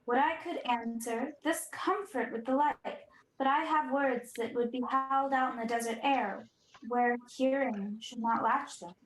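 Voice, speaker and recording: A young woman plays a grave, sorrowful messenger in a Shakespeare radio drama. The voice is fairly high and rings in a very echoey room. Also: unhurried. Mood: reluctant, sorrowful. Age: young adult. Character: sorrowful noble messenger bearing dreadful news. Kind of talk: 1940s radio play Shakespeare acting.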